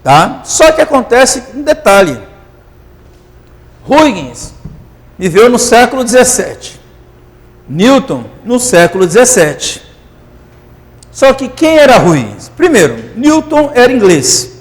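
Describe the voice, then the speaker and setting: A man teaching physics in a classroom lecture, euphoric and animated, constantly checking that students follow. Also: very high-pitched, slow, pauses often, in a large hall.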